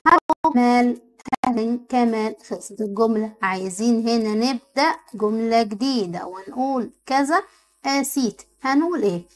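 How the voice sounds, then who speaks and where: A woman with an Egyptian Arabic accent teaches English from a worksheet. She reads the English sentences slowly, repeats them, and explains in quick asides with rhetorical questions. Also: medium pitch. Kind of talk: recorded worksheet walkthrough.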